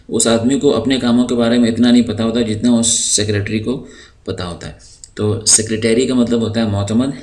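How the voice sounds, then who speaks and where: Lowish-voiced man teaching vocabulary. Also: a little mellow, a little hiss or hum. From Pakistan. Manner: stretches each vocabulary word out slowly, then explains it; patient, with frequent hesitation fillers. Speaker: English teacher. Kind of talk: recorded vocabulary lesson.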